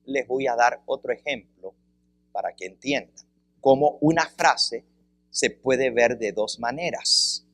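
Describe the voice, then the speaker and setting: A man's voice: mid-range voice, fairly bright tone, dry recording. A man giving a Bible seminar lecture, quizzing his listeners with questions and repeating key phrases to drive home each point. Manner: asks the audience questions and explains with examples; deliberate, repeats phrases for emphasis.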